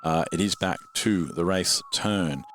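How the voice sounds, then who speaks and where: A man with a very low voice narrates a tabletop game as dungeon master, wry and unhurried, with frequent fillers. A faint hiss sits in the background. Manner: relaxed, wry, hesitant with fillers.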